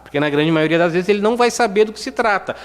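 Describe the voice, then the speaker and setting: Chatty lawyer in a reverberant hall. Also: male voice, high voice, animated, quick pace. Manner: conversational, many "né?" tags, acts out dialogue. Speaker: criminal defense lawyer lecturing. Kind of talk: lecture with anecdotes. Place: lecture hall.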